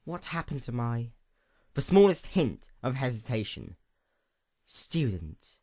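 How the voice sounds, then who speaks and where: Man voicing soft, kindly Princess Celestia. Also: medium pitch, sing-song, slow pace, no echo, clean studio sound, exaggerated voice. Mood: worried, plaintive. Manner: soft, light, breathy, gentle. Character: kind, worried, ancient pony princess.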